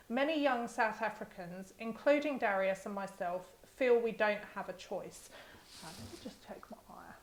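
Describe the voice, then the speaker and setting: A woman hosting a casual show, reading listener emails aloud with open emotion and frequent laughter. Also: medium pitch. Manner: emotional, expressive, laughs often.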